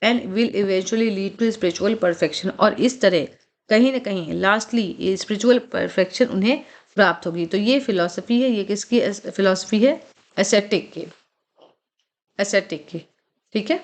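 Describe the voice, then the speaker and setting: A woman teaching vocabulary to exam students, explaining words in Hindi, reading the lines slowly and checking in with short tag questions. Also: mid-range voice. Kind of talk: recorded exam-prep lecture.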